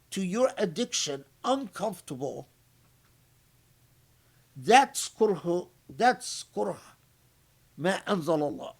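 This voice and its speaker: A male scholar gives a commentary lecture at a slow, unhurried pace. He thinks aloud, breaks off and restarts his phrases, and slips short recited Arabic lines in between his English explanations. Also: high voice, creaky. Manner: halting and reflective, with frequent restarts. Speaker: scholar giving Quran commentary.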